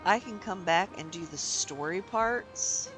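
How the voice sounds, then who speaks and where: A woman's voice: fairly low pitch, expressive, measured pace. A woman game streamer chatting casually and sleepily, meandering with lots of ums. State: sleepy, yawning. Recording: game music playing behind.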